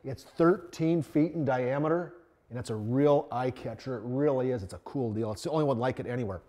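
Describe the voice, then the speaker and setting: A man's voice: medium pitch, a little fast, mellow. A middle-aged man from the American Midwest hosting a fishing show, talking in an easygoing, folksy way to the camera from a restaurant dining room on a lapel mic. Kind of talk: relaxed presenting to camera.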